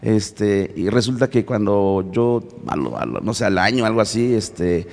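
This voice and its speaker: A man's voice: on the low side, animated, a little slow, gravelly, darkish tone, in a large hall. A man with a Mexican accent speaking in a panel discussion and telling stories, stopping and restarting often with many fillers. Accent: Mexican Spanish. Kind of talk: casual storytelling in a discussion.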